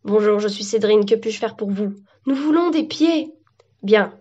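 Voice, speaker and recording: A woman's voice: medium pitch, lively intonation, a little slow, a little mellow, breathy edge. A woman voicing a polite witch who chants sing-song incantations, on a dull lo-fi recording. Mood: mystical.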